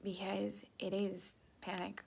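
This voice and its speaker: A woman coach talks through a self-help live stream in a soft, reflective way. Her voice has a gravelly, creaky texture. She often sinks to a near whisper. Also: mid-range voice, little pitch movement, takes it slowly.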